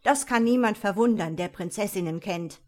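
Woman doing a moody young prince in a storybook, loud and fed up. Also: medium pitch, moderate pace, close to an everyday voice. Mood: weary. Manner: sulky, dramatic outbursts. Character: young reluctant prince, a dreamy boy king.

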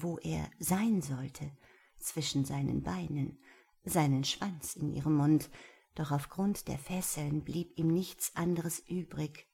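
A woman narrating an erotic audiobook in a breathy, half-whispered reading. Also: low-pitched, warm tone.

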